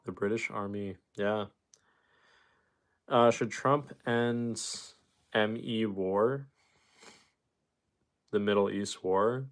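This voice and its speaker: A man's voice: fairly low pitch, steady tone, very slow, long pauses. A man live streaming, reading viewer comments aloud and answering them in loose, rambling casual chat. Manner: rambling, with fillers and restarts.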